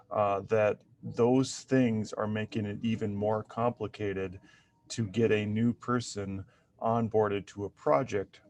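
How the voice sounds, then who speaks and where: Lower-pitched male podcast host. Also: a little mellow. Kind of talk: casual interview talk.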